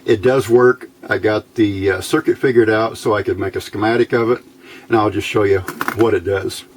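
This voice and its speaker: With a fairly low pitch, fairly even intonation and normal speed, a man demonstrates electronics test equipment as a hobbyist. His unscripted, hands-on walkthrough goes step by step, plain and folksy, and there's a little hiss or hum in the audio.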